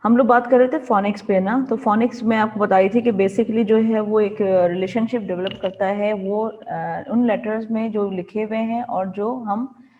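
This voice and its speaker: A woman with a Pakistani Urdu accent leads an online teacher training session, patiently explaining, mixing in English words, and sounding words out phoneme by phoneme. Her medium-pitched voice is steady and normal in speed, though the recording is muffled.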